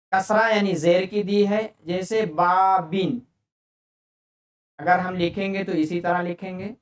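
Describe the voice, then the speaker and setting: A man's voice: high-pitched, far from the mic. A man teaching an online grammar lesson, explaining patiently and repeating each term in several languages. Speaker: Arabic teacher. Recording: echoey room, speaker away from mic.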